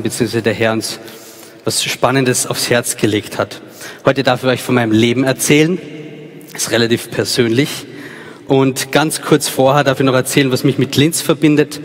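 Austrian guy in his 30s preaching a casual testimony, lots of ums, echoey church. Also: mid-range voice. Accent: Austrian, Salzburg. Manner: chatty, informal, many fillers. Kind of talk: personal testimony sermon. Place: large church, on stage before an audience. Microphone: handheld mic. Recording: long church reverb.

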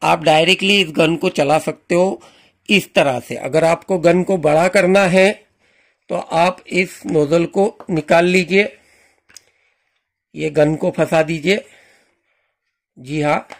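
High-voiced man giving a casual demo. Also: slow, pauses often. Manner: friendly instructional, repeats "जी हाँ दोस्तों". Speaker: channel host demonstrating a car washer.

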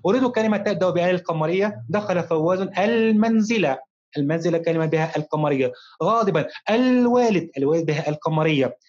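A man teaching a recorded primary-school lesson, addressing his pupils fondly and slowing down to read examples word by word. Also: on the high side, fairly even intonation, darkish tone. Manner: slow, careful dictation-style reading of examples. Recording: dull, lo-fi recording.

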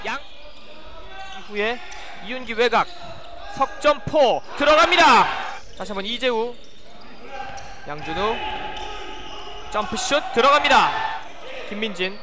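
Man, play-by-play basketball commentator, very high voice, animated swings, excitable shouts, loud gym noise and bouncing balls. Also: unhurried, long pauses. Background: basketball court ambience, bouncing ball.

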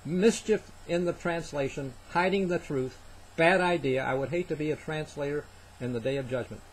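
An older man giving an informal Bible study talk, halting with many fillers and stopping to ask "okay?". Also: a little high, slight background noise, rough recording. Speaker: Bible prophecy teacher.

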